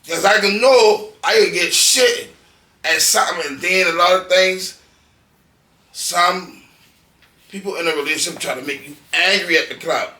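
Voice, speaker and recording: Bright-voiced man, blunt and profane. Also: sits high, normal speed, recorded from a distance. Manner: blunt, profane storytelling with acted-out quotes. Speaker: podcast guest, DJ. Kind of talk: casual interview chat. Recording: echoey room, off-mic.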